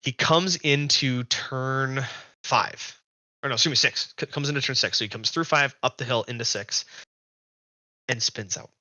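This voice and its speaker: Man, young adult, podcast guest; very bright, dry close sound; rambling animated storyteller. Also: mid-range voice, normal speed, no room sound. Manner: rambling, animated anecdotes with restarts. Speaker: guest racer.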